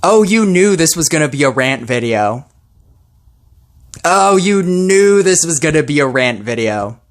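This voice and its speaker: A woman's voice: low-pitched, very animated, a little slow. A woman posting a ranting commentary video about a mobile game, sarcastic and exasperated.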